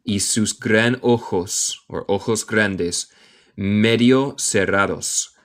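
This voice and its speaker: An American man from Michigan who speaks English natively, reading a story aloud word by word in a slow English lesson and explaining it in Spanish. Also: on the low side. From United States. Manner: reads English word by word very slowly, then explains in Spanish, answers chat. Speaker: English teacher, live streamer.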